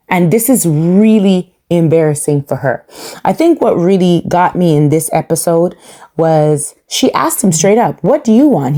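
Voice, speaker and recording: A woman giving a sassy, opinionated recap of a TV episode. Her pitch swings widely as she repeats her points for emphasis. Her tone stays dark and mellow underneath. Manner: animated, sassy, emphatic repetition. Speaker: podcast host reviewing a reality show.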